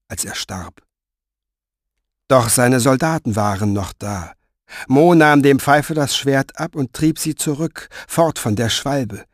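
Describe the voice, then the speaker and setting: A man narrates a story with measured, dramatic delivery. His voice sits at a middle pitch. The recording is close-miked and very dry. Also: no room sound. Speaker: audiobook narrator. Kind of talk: scripted audiobook narration.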